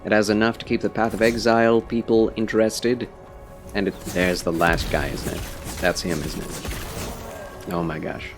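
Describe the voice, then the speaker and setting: Low, scratchy-voiced man chatting on stream. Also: big pitch swings, normal speed, music in the background. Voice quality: scratchy, phlegmy voice. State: tired, under the weather. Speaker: game streamer chatting with viewers. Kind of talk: casual livestream chat with game commentary.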